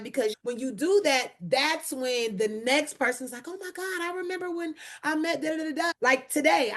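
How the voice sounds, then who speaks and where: Woman comedian, interview guest; bold, lively delivery, higher-than-average voice. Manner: bold, energetic, emotional at times. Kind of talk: animated interview storytelling.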